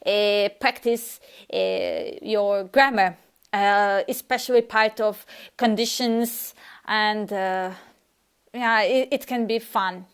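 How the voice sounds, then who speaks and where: Speaking slowly with a clean, medium-pitched voice, a language teacher whose first language is Serbian gives an informal lesson. She answers a viewer's question, frequently pausing and starting over.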